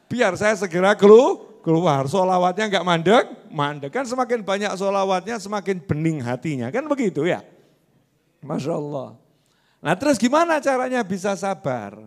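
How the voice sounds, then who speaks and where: Male preacher, lively sermon delivery, call-and-response with the crowd. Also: fairly high pitch. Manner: animated, asks the audience questions and answers them himself; acts out characters in anecdotes with shifting voices. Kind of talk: religious lecture to a live audience.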